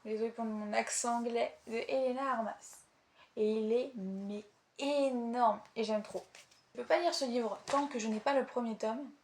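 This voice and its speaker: A woman's voice: on the high side, a little mellow, slight background noise. A young woman chatting casually and eagerly about her books, with frequent hesitations. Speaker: book vlogger. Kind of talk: casual chat.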